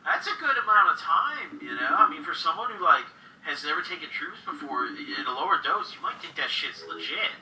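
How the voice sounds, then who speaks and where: A man hosting a casual call-in livestream, laid-back, swearing freely and laughing loudly. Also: fairly high pitch, expressive, a little fast, few pauses, echoey room, recorded from a distance, a little hiss or hum, low-quality recording.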